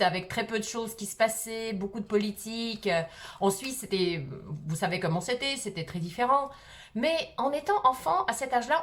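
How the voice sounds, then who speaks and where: A middle-aged woman from Russia with a slight Russian accent, telling a personal story to camera in a hesitant way with many fillers. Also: fairly high pitch. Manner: hesitant, frequent "euh" fillers. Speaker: vlogger.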